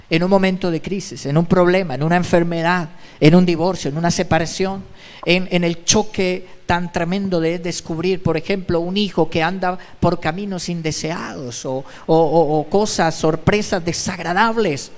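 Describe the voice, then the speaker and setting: A man's voice: high-pitched, normal speed, long reverb tail. A male pastor giving an emphatic sermon, repeating his exhortations. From Colombia. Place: church.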